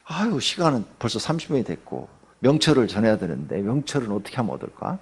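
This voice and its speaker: Gravelly, husky male pastor, swooping pitch; chatty dawn sermon with quick questions to the pews. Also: sing-song. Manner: conversational, asks the congregation questions; acts out everyday people in quotes, joking. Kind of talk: early-morning sermon.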